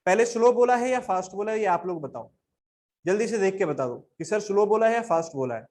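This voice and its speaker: A man's voice: sits high, lively intonation, brisk, a little mellow. A man teaching a lesson in a coaxing manner, asking questions and answering them himself on words. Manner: coaxing, repeats questions and answers, calls listeners beta. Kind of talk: classroom lesson.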